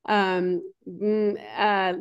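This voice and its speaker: A woman's voice: medium pitch, flat delivery, extremely slow, smooth, muffled recording. A woman co-hosting a livestream in a casual, chatty style. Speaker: livestream co-host.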